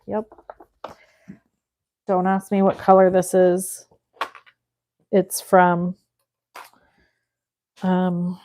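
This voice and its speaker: A woman's voice: fairly low pitch, vocal fry, mellow, slight background noise. A woman in her forties hosting a live crafting stream, chatting casually with viewers and thinking aloud as she works. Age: 40s. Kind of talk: casual chat while crafting.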